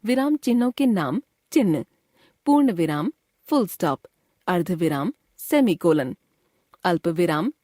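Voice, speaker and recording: A woman's voice: lowish voice, sing-song, mellow, no echo, studio quality. Woman reading a grammar lesson. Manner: clear, measured classroom explanation. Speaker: teacher. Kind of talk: scripted grammar lesson narration.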